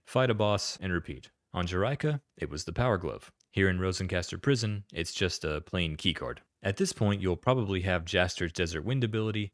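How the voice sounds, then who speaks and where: Deep-voiced man with dry sarcasm. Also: a bit bright, no room sound. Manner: dry, sardonic asides. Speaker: game retrospective narrator. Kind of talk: scripted video-essay narration.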